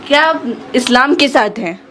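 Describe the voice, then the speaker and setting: A woman's voice: high-pitched, measured pace, fairly bright tone, slight background noise. A woman anchoring a television debate who puts pointed, challenging questions to her guest.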